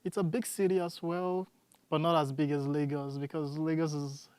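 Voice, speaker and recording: Nigerian accent, student guest, storytelling, smooth clear voice, dry close sound. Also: medium pitch, fairly even intonation, moderate pace, darkish tone, no room sound. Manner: chatty, storytelling. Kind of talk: casual interview answers.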